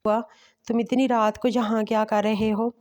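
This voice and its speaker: A woman's voice: on the high side, level tone, moderate pace, a little mellow, lightly acted. A woman voicing an older stepmother who asks worried questions.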